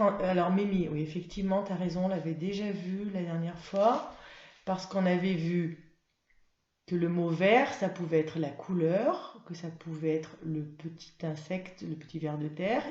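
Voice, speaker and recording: A woman's voice: fairly low pitch, a little mellow, roomy sound, lo-fi sound. A woman primary school teacher giving a lesson to young children, patiently spelling out words.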